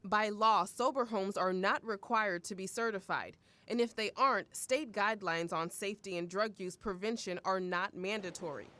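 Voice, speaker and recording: A woman TV news reporter voices the narration of a news package. Her delivery is measured and clear, and her pitch sits at an ordinary middle height for a woman. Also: bright, forceful tone, slight background noise.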